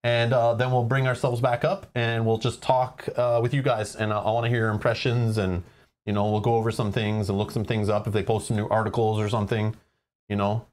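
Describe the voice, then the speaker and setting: A man's voice: on the low side, flat delivery, brisk, a little mellow. A man hosting a livestream in a casual, conversational way. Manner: informal and conversational. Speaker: livestream host.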